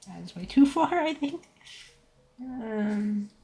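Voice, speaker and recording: A woman in her twenties chatting casually and thinking aloud while drawing on a stream, in a tired, low-energy, laid-back voice, into a desk mic. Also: expressive, takes it slowly, warm tone, breathy edge, faint music behind. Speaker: VTuber streamer. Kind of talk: casual art stream chat. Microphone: desk microphone set to surround pickup.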